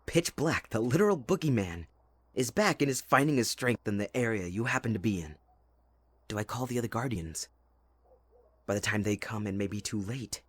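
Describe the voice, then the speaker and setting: A man playing Jack Frost, a playful, possessive young winter spirit, with a husky voice in a dramatic, intimate ASMR roleplay. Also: mid-range voice, no echo. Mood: anxious, urgent. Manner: teasing, dramatic, addressing the listener closely.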